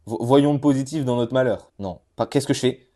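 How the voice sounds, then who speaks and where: A man giving casual let's-play commentary as a gaming YouTuber, rambling and excitable, bursting into yells. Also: mid-range voice, a little fast.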